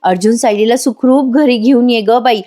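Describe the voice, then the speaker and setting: Brief: woman doing an anxious fussing mother, voice pitched up high. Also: moderate pace, warm tone, natural voice. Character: worried fussy older mother, devout.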